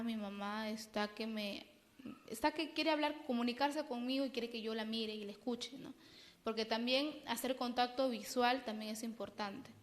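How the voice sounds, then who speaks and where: Higher-voiced Peruvian woman psychologist, echoing. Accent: Peruvian Spanish. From Peru. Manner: explanatory, keeps checking in with "¿no?". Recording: long reverb.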